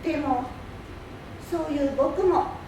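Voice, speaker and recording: Woman acting earnest little boy prince, very high voice, curious, stage reading, distant in an echoing hall. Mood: wistful. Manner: deliberate, expressive storytelling with wondering questions. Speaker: stage reader. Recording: distant mic in echoey hall, faint noise.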